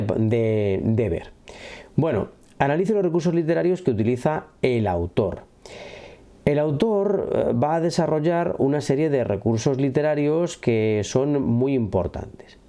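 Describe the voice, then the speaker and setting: Lively man teaching a literature lesson. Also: medium pitch. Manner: lively, keeps checking in with listeners. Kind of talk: classroom lesson explaining a poem.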